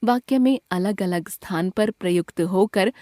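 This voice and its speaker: A woman reads a school grammar lesson aloud from a script, going slowly and deliberately through lists of words with pauses between them. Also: medium pitch, mellow, dry recording, clean studio sound. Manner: slow, deliberate list reading with pauses. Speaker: textbook narrator.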